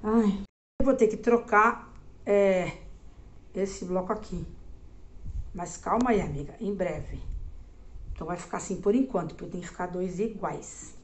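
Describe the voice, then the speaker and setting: A vlogger in her forties from Minas Gerais, Brazil, speaks Brazilian Portuguese with a Minas accent, chatting loosely to viewers in a casual home vlog while lying in bed. Her medium-pitched voice is a little slow with frequent pauses, and the rough recording comes from a phone camera held close.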